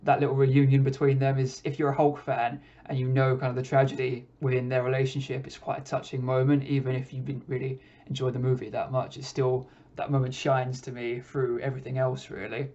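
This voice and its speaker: A man hosting a podcast, giving a casual, relaxed film review with frequent hesitations. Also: mid-range voice, a little fast, hardly any pauses. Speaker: podcast host reviewing films. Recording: dull lo-fi recording.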